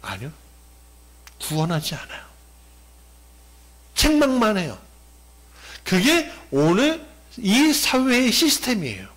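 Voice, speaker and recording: A man's voice: high-pitched, wildly swooping pitch, slow, pauses often, fairly bright tone. A male pastor giving a sermon, explaining step by step and putting questions to the congregation.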